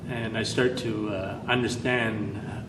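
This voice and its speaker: A Canadian man being interviewed about his personal and family history speaks haltingly, filling pauses with "uh" and restarting phrases. His slightly low voice sounds far from the mic, in an echoey room with steady background noise.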